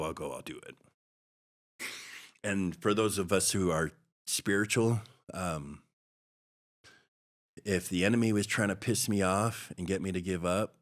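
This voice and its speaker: A deep-voiced, middle-aged man from Hawaii guests on a podcast. He relates a personal story in a reflective, halting way with frequent restarts.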